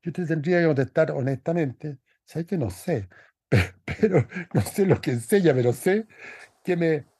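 A man's voice: a little high, lively intonation, moderate pace, mellow, husky, no echo. A man, co-hosting a podcast and talking through a film in a loose, thoughtful way with many restarts. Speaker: podcast co-host. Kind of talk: casual film discussion.

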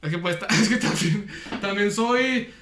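A Mexican man talks in a casual, candid chat with a high, bright voice. He pokes fun at himself as he goes. The room gives his voice a noticeable echo. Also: unhurried, slight background noise. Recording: roomy echo.

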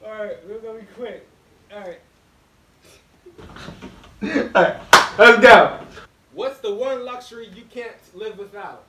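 A man's voice: high voice, fairly quick, noisy background. A man hosting a podcast, running a casual interview and outro in an upbeat, loose way. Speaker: podcast host. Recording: echoey room, distant mic.

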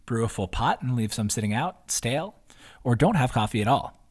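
A man's voice: mid-range voice, lively intonation, a little fast, a little mellow, breathy edge. Man reading his essay aloud. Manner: upbeat, conversational reading with asides. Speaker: newsletter writer reading his post. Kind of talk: read-aloud essay narration.

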